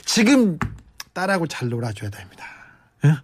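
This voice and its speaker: A man's voice: fairly high pitch, moderate pace, husky, no room sound. Chatty man hosting a radio show. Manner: chatty, animated, swings between excited and soft. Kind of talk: casual live radio chat reading listener messages.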